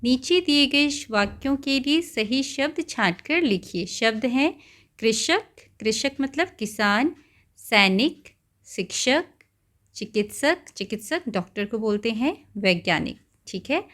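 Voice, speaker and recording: A woman's voice: fairly high pitch, animated, unhurried, fairly bright tone. Patient woman teaching young children. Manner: patient, repeats and explains words simply; often checks in with "okay" and "right". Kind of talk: explaining a textbook lesson to children.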